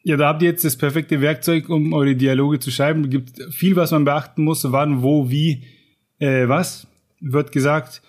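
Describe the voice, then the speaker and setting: Keen guy on a writing podcast, casual chatty, slightly high voice. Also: fairly even intonation, moderate pace. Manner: enthusiastic, colloquial, with fillers. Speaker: podcast co-host. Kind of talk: casual podcast chat and book reading.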